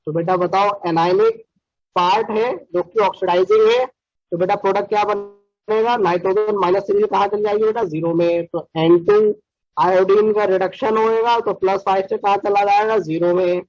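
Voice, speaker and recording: A man teaches a chemistry lecture with a high-pitched voice. He sounds brisk and scolding as he keeps pushing his students to answer quickly. The recording is dry and dull, with a lo-fi edge. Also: steady tone, a little mellow, no echo.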